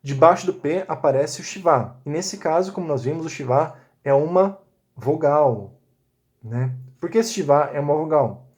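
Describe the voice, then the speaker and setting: A man walks through a recorded lesson one step at a time, pausing to check in with his listeners. His voice sits a little higher than most men's, and his pace is patient and methodical. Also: animated, darkish tone. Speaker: Biblical Hebrew teacher.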